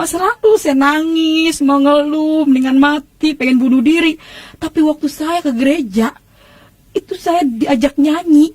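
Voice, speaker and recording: A woman's voice: sits high, a little mellow, no room sound. A woman telling her personal testimony with emotion, acting out the voices of people in her story. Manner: emotional, acts out the quoted voices of others. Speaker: church testimony speaker.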